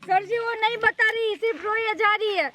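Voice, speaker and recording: A woman playing a village woman in a rural comedy sketch, calling out loudly and dramatically. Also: extremely high pitch, normal speed, noisy background.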